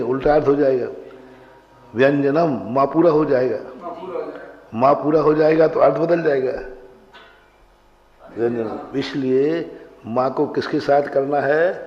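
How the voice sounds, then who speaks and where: A man teaching a grammar class, quizzing his students and drilling them on pronunciation. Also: mid-range voice. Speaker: religious teacher. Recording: roomy hall, dull lo-fi sound.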